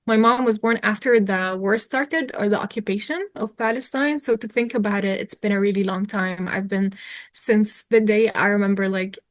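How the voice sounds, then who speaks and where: A woman's voice: medium pitch, normal speed, dry recording. A woman, answering interview questions earnestly, thinking aloud with fillers and restarts. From Jordan. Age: 20s. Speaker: interview guest, activist.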